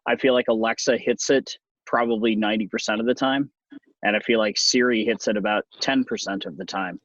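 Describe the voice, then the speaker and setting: Casting: middle-aged Californian-accented man, ordinary mid pitch, wry and rambling conversational delivery, close dry sound, slightly muffled. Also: fairly even intonation, fairly quick, fairly bright tone, dry recording. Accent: Californian American. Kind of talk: casual conversational talk.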